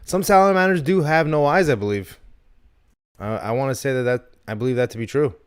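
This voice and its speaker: A man's voice: medium pitch, fairly quick, clear, resonant tone. A man in his thirties co-hosting a comedy podcast, rambling and joking with lots of swearing. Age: 30s. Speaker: podcast co-host. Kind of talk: casual chat.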